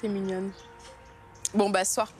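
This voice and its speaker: A woman's voice: medium pitch, flat delivery, unhurried, lightly acted. A woman playing a busy, soothing partner. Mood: reassuring. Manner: gently dismissive. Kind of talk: sitcom acting. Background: background music.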